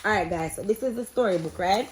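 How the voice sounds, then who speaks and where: A woman's mid-range voice comes at a quick pace, with slight background noise behind it. She has a Jamaican accent and mixes blunt vlog chatter with an interactive read-aloud, pausing to instruct and test the children like a parent filming at home.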